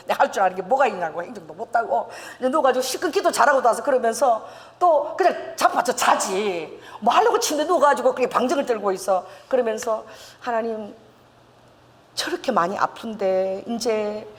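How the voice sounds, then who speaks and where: Older woman pastor, sermon testimony, animated storytelling, long reverb of a church hall. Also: medium pitch. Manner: storytelling with laughs and acted quotes. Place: church sanctuary.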